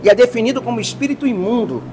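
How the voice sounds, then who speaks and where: Priest lecturing in an echoing hall. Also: male voice, very high voice, noisy background. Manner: explains slowly, stressing terms. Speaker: priest teaching a class.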